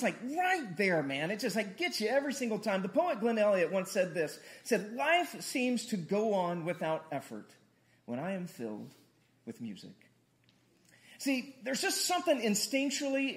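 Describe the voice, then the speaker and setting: A man preaching a sermon to his congregation in a lively, conversational way, joking and asking for responses. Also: sits high, moderate pace. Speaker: pastor.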